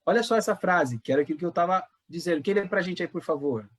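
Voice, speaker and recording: Speaking fast in a high voice, a Brazilian man who pastors a church runs a relaxed Bible class, repeating his words and quizzing the group as he goes.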